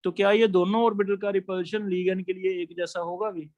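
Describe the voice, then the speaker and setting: High-voiced male chemistry teacher. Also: little pitch movement, fairly quick, a little mellow, no room sound, muffled recording. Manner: explains step by step, asks students questions. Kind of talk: classroom lecture.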